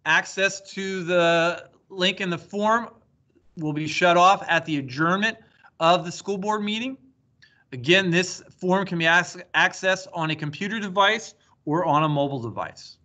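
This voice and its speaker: A man's voice: high voice, measured pace, sharp tone. A man who works as a school district technology coordinator, giving a plain step-by-step screen-recorded walkthrough of an online form. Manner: plain step-by-step instructional delivery.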